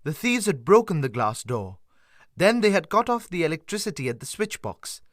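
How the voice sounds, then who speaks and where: A man voicing an upset male shop owner who speaks in a rushed, agitated way. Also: fairly high pitch, sing-song, no echo, studio quality, pitched above the performer's own voice.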